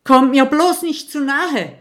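A woman's voice: a little high, sing-song, slow pace, pushed and bright, heavily acted. A woman voicing a moody, theatrical female castle ghost in an audiobook. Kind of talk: audiobook character voice.

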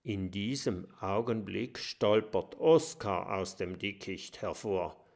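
A man narrating a children's story with expressive, unhurried storytelling. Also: low-pitched, gravelly. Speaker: audiobook narrator.

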